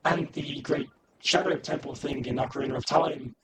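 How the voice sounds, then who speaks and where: A man's voice: fairly high pitch, steady tone, moderate pace, noisy background. A man giving comedic, critical game commentary, cutting in with pedantic, sweary corrections. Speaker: commentator in a video essay. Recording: prominent music behind the voice. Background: music.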